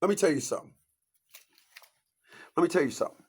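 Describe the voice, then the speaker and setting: Quick-paced and husky, a fifty-something man preaches motivation in a fairly high voice with lively intonation. He asks rhetorical questions, repeats catchphrases, and swings hard from loud, lifted lines to low, hushed asides.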